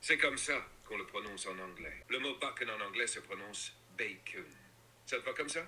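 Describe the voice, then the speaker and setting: A man's voice from an AI assistant, narrating silly stories with lively, theatrical jumps in pitch. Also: moderate pace, slight background noise. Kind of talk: storytelling narration.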